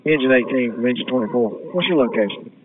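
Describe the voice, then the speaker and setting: A man's voice: mid-range voice, expressive, fast. Man, engine crew officer on a two-way radio, clipped call signs, tinny with faint hiss. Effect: two-way radio transmission. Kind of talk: terse fire radio traffic.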